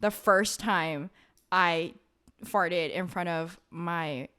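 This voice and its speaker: A young woman co-hosting a podcast, chatting casually and telling personal stories in an excitable, giggly way. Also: lowish voice, very slow, clear, resonant tone. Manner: excitable, giggly, animated storyteller. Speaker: podcast co-host. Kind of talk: casual chat, personal storytelling.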